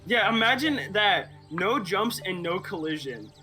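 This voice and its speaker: A young man chats casually during a group game. His voice is bright and swings freely up and down, with music playing behind him. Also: high-pitched, sing-song, unhurried. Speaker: player in group gaming session. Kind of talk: casual chat while gaming.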